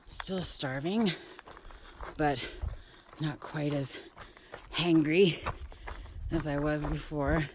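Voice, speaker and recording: A woman vlogging on a high mountain trail, wry and exclamatory, cheerfully complaining and swearing casually, filmed on a handheld camera outdoors. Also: steady tone, extremely slow, pauses often. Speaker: long-distance hiker vlogging the trail. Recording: loud wind noise, outdoors.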